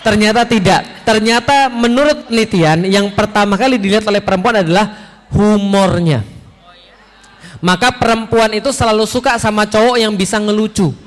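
Male Islamic lecturer with a high voice, chatty and quizzing the audience, recorded with a long hall echo. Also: normal speed. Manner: quizzes the audience, chuckles, conversational.

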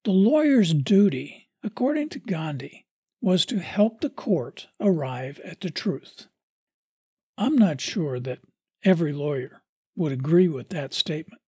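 Preacher type with a husky tone, earnest and measured, recorded close and dry. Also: medium pitch, big pitch swings, mellow, no echo. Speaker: podcast host reading a parent's sermon. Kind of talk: sermon.

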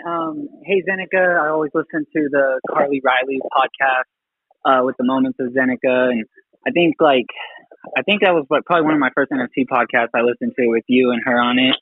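A man's voice: mid-range voice, brisk, no room sound. A man calling into a live audio chat, talking in a laid-back, slangy, hesitant way, heard over a phone-like speaker line. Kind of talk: casual chat. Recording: tinny phone-like line, dry.

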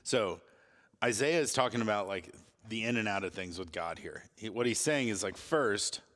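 A man with a fairly low voice hosts a casual podcast. He speaks in a large, reverberant space, so his words carry a long cave-like echo. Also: lively intonation, moderate pace, a bit bright. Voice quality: echoey, cave-like sound. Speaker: podcast host. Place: large echoey room in a former monastery. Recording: echoey cave-like stone hall.

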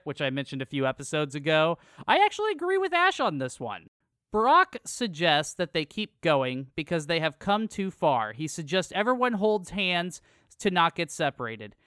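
Bright, crisp-voiced podcast co-host. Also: male voice, fairly high pitch, dry recording, clean studio sound. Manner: jokey, reads episode summary from script. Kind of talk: casual recap chat.

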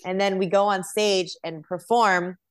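A woman's voice: medium pitch, fairly even intonation, measured pace. A woman being interviewed as a dancer, talking in an eager, rambling way about her work. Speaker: guest dancer. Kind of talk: casual interview chat.

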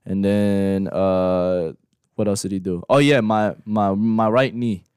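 A man's voice: on the low side, fairly even intonation, slow, a little mellow, clean tone, dry recording, clean studio sound. A young man from Ethiopia, hosting a podcast in casual chat and rambling with repeated words and fillers. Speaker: podcast host.

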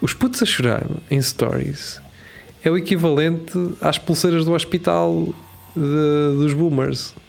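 Animated Portuguese man chatting casually. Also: fairly high pitch, unhurried, creaky, soft background music. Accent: European Portuguese. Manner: animated, laughing, slangy, acts out quoted voices. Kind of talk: casual chat.

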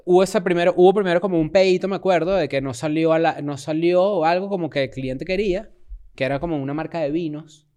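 Venezuelan accent, man, slightly higher voice, slangy, storytelling, casual chat. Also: fairly even intonation, fast, warm tone. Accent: Venezuelan Spanish. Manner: slangy, storytelling, restarts often.

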